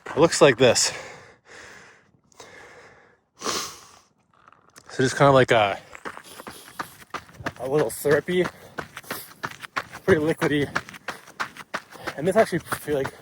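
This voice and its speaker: A man's voice: a little high, takes it slowly, long pauses, husky. A man chatting casually in a vlog while running outdoors, raising his voice with the effort. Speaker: fitness vlogger. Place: outdoors, on a run. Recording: noisy outdoor recording.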